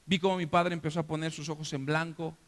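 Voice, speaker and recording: Middle-aged Mexican male pastor, emotional sermon testimony, high and bright, reverberant hall. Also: flat delivery, quick pace. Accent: Mexican Spanish. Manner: emotional storytelling, acting out family voices. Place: church.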